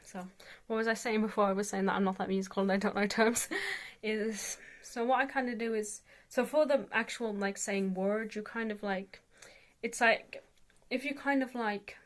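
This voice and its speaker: A woman's voice: medium pitch, steady tone, moderate pace. A woman giving a casual, rambling tutorial as an amateur vocalist, hesitant and self-deprecating, saying "like" very often.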